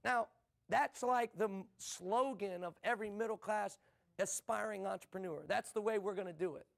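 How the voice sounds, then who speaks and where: Man, motivational seminar speaker, high voice, gravelly texture, rhetorical questions, punchy repetition. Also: normal speed, fairly bright tone. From USA. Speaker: business speaker.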